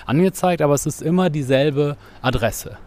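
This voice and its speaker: A man's voice: fairly high pitch, normal speed, a little mellow. A man hosting a casual podcast, explaining things with frequent tag questions while he is out running outdoors. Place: outdoors, on the move.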